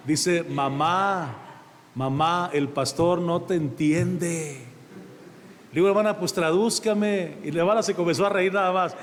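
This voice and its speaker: Mexican pastor guy preaching, talks to the church like a chat, highish voice, big echoey church sound. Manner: conversational, keeps addressing the congregation as brother. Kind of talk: sermon.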